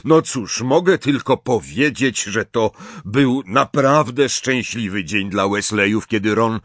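A man's voice: lowish voice, slow pace, no echo. A man voicing a kindly middle-aged father in a storybook reading. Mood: grateful.

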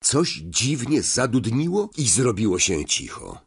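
A man reading a fantasy novel aloud as audiobook narrator, in an expressive storytelling manner. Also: medium pitch, measured pace, slightly rough. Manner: expressive storytelling, varied intonation.

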